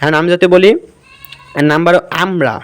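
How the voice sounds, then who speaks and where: A man's voice: sits high, normal speed, clean tone. A man teaching English grammar in a casual classroom style, asking questions and answering them himself. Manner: talkative, asks and answers his own questions. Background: noisy surroundings.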